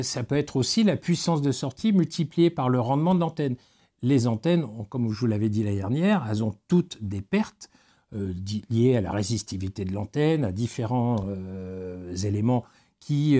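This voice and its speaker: A man's voice: mid-range voice, mellow. A man from France giving a technical webinar lecture, explaining with many hesitations and fillers and the odd joking aside. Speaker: technical specialist presenter.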